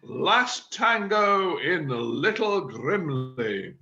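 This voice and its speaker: A man's voice: on the high side, sing-song, a little slow, sharp tone, muffled recording, full character voice. A man reading the part of a self-important chairman of an amateur drama group, declaiming his big plan. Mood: scheming. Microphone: video call.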